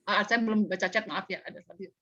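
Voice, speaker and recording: Bright, rapid woman trainer on a call. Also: medium pitch. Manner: animated storytelling with playful sound effects. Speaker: personality trainer. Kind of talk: online training talk. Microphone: video call. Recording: dull lo-fi video call audio.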